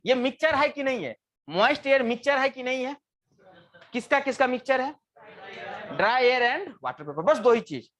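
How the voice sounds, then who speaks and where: A male engineering teacher giving a live lecture, firing questions at his students and answering them himself, slowing right down to dictate definitions and using homely everyday examples. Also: high-pitched, fairly bright tone. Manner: slows to dictate definitions word by word.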